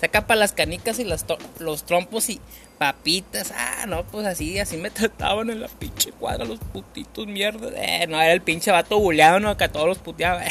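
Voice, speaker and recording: A young man with a northern Mexican accent telling a comic story full of slang, animated and quick to laugh as he acts out voices. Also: high-pitched, gravelly, soft background music. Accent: Mexican Spanish, northern. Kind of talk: comedic storytelling, heavy slang.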